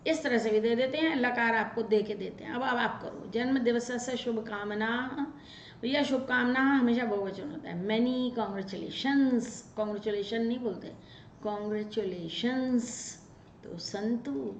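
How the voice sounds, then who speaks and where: A woman teacher runs a brisk, drilling grammar lesson, rattling off verb forms. Her voice sits fairly high. It sounds roomy and a little dull and lo-fi. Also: a little hiss or hum. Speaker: Sanskrit teacher.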